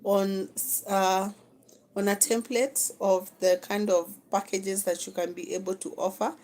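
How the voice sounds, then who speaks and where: A social media marketing instructor with a Kenyan accent teaches a live online masterclass on social media management, coaching viewers, repeating phrases and checking in with "okay?". Her voice is medium-pitched, level, a little slow and a little mellow, and the recording is rough.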